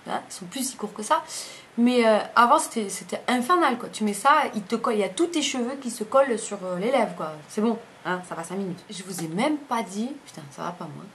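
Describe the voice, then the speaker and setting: A woman's voice: medium pitch, lively intonation, a little fast, fairly bright tone, a little hiss or hum. A woman, chatting casually through a makeup review, rambling and often correcting herself mid-sentence. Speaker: beauty vlogger.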